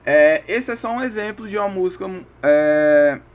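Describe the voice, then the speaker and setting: A man from Brazil gives a relaxed video lesson, his voice sitting a little high for a man. He keeps the tone loose and chatty, stopping often to ask whether his students are following. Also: moderate pace, lo-fi sound. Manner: casual, keeps checking in with listeners. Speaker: teacher.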